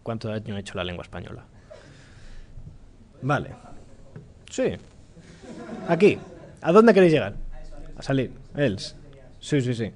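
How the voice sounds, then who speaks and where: A man with a Spanish accent from Spain giving a relaxed, joking live-coding talk in a lecture room, thinking aloud as he goes. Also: mid-range voice, a little slow, pauses often. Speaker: conference speaker.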